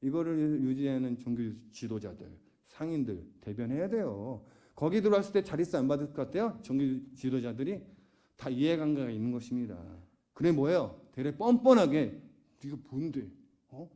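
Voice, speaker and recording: A man's voice: mid-range voice, animated, brisk, dark tone. A man pastor preaching a sermon, often putting questions to the congregation. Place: church sanctuary.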